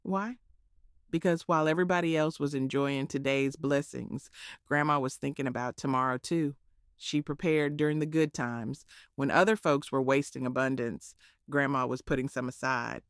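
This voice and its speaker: Southern lady doing folksy scripted storytelling, kinda preachy, smooth clear voice, no room echo. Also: a bass voice, steady tone, moderate pace, studio quality. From southern United States. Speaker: storyteller sharing cooking wisdom.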